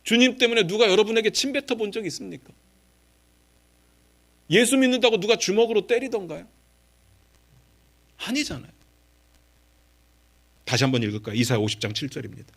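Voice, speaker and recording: A middle-aged male pastor preaching a sermon, moving between quiet asides and raised, impassioned pleas and leading the congregation in reading scripture aloud. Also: high-pitched, expressive, fairly quick, pauses often.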